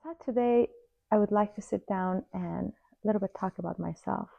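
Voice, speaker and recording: Forties woman from Iran, earnest personal vlog, middle pitch, slightly muffled lo-fi recording. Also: vocal fry, warm tone. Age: 40s. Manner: slow, reflective, heartfelt. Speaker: vlogger. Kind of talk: personal life story told to camera. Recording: slightly dull lo-fi sound.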